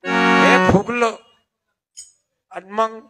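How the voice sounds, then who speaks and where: Speaking extremely slowly in a steady, high voice, an older man preaches a folk kirtan to an audience. Chatty and teasing, he calls on people in the crowd as loud accordion music fills the background.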